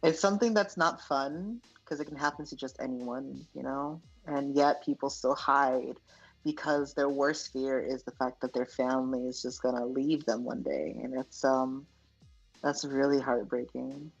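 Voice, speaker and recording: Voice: medium pitch, fairly even intonation, a little slow, creaky, husky, highs cut off, soft background music. A guest poet from the United States talking earnestly in a casual interview, with many fillers and restarts.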